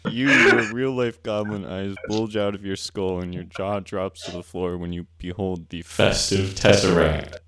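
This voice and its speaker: A man reading an AI text adventure aloud in a flat, low-key way. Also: measured pace, a little hiss or hum. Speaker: player narrating.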